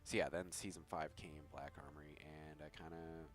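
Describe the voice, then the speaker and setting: A man's voice: a bass voice, steady tone, normal speed. A man giving a casual, rambling and hesitant commentary on his gaming progress, recorded on a cheap microphone. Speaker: gaming video creator. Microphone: cheap temporary microphone. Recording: cheap poor microphone, loud music behind. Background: loud music.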